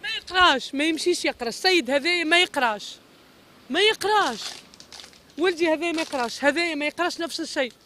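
A woman's voice: very high voice, expressive, fast talker, sharp tone, slight background noise. A middle-aged woman with a Tunisian Arabic accent giving a pleading street interview, repeating her phrases over and over. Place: street outdoors.

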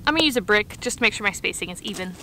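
A woman in her thirties hosts an outdoor gardening vlog, chatting casually and explaining things as she works. Her mid-range voice races along with lively intonation and a sharp tone. The audio is poor, with outdoor background noise clearly audible.

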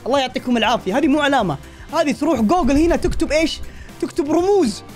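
A young Saudi man reels off his reaction commentary at a breakneck clip. His voice leaps between high and low in an excitable, joking manner. Faint music plays beneath him. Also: very fast. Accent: Saudi Arabic. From Saudi Arabia. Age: 20s. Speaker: YouTuber reacting to videos about himself.

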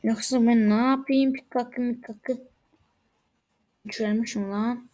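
A woman hosting a game channel, giving casual gameplay commentary with excitable, exclaiming reactions. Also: fairly high pitch, slow.

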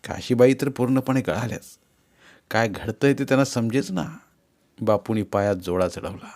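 A man narrating a novel in an audiobook with a steady, measured reading. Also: mid-range voice.

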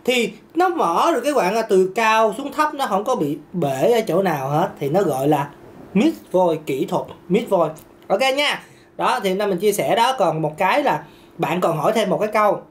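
A man's voice: high voice, lively intonation, moderate pace. A man, a singing teacher answering viewer questions in a casual lesson, chatty and repetitive, laughing now and then. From Vietnam. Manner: chatty, repeats words, laughs often, demonstrates notes.

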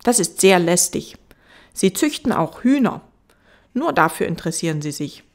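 A woman voicing a gentle, wise fox in an audiobook, earnest and patient as it explains. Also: fairly low pitch, sing-song, moderate pace.

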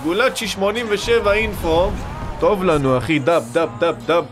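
A young man giving excited, slangy commentary while opening game packs, pleading for good cards and shouting at big pulls. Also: sits high. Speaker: gaming YouTuber. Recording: music playing underneath.

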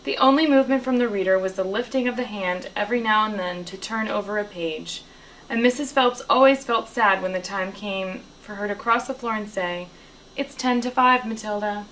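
A woman reading a children's novel aloud, telling the story in a lively way and raising her voice for the characters' lines. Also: moderate pace, a little hiss or hum, rough recording. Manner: lively storytelling, lifting her pitch for dialogue. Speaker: reader.

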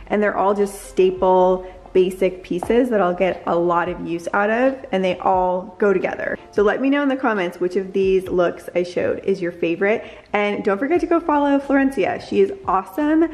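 A woman's voice: mid-range voice, darkish tone. A woman in her thirties chatting upbeat and gushing in a casual vlog try-on at home. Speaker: lifestyle vlogger. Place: bright living room at home. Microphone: camera in hand and mirror selfies.

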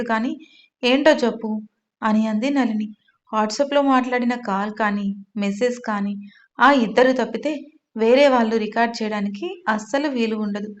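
A woman hosting her own channel, narrating a serialized audio story and reading every character's lines herself with little change of voice. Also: a little high. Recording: slightly dull, lo-fi sound.

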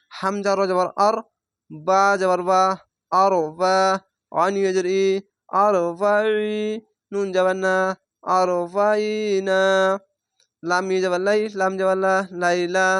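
Man, Bangladeshi Bengali accent, Quran reading teacher, slow syllable spelling, high clear voice. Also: fairly bright tone, no echo, clean studio sound. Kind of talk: spelling-out recitation lesson.

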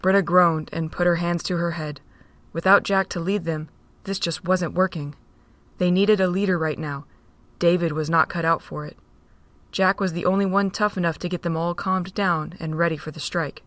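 At normal speed, a woman with a low voice narrates a fan-made audio drama in a steady, plain manner. It's recorded dry and close, with no echo and no room ambience.

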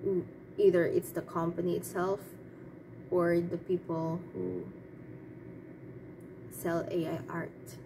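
Slow, creaky-voiced woman rambling over background noise. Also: lowish voice, level tone. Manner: hesitant, rambling, thinking aloud. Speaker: artist giving opinions. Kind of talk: casual off-the-cuff opinion monologue. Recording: clearly noisy background.

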